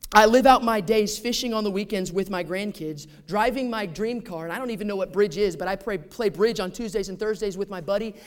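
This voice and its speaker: A man preaching a sermon in a conversational way, asking the congregation rhetorical questions. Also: sits high. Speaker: pastor.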